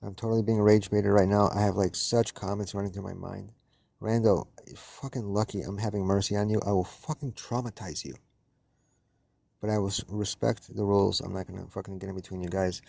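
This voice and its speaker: A man's voice: on the low side, flat delivery, brisk, vocal fry, a little mellow, no room sound. A man on a live-stream debate panel, swearing and holding back his anger. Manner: swearing, barely restrained anger. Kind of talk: heated live-stream argument.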